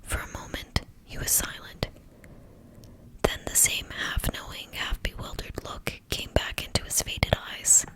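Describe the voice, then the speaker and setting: A woman reading a novel aloud as ASMR in a hushed, breathy whisper. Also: a little slow, low-quality recording. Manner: hushed, fully whispered narration.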